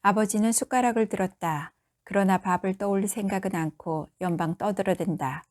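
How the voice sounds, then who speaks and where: A woman narrating a literary short story in a gentle, even audiobook reading. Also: medium pitch, brisk.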